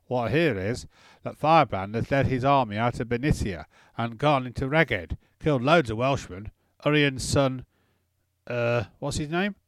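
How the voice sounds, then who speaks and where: A man voicing a drunk, boastful middle-aged lord who slurs his words and gossips loudly. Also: mid-range voice, moderate pace, dry recording, natural voice. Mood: boozy, boastful. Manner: slurring, loud, gossipy.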